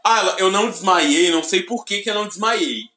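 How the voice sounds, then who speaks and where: A man with a deep voice, co-hosting a podcast and telling stories with excitement and sudden shouted bursts. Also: brisk. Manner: excited storytelling, bursts of shouting when retelling. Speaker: podcast co-host. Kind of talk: casual chat. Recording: roomy echoey room.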